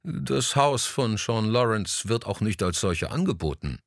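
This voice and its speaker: A man's voice: on the low side, animated, unhurried, vocal fry, dry recording, studio quality, heavily acted. A man reading an audiobook, voicing a vain, silver-haired gallery owner who grumbles and talks down a little. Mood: testy. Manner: grumbling, mildly condescending. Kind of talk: audiobook dialogue.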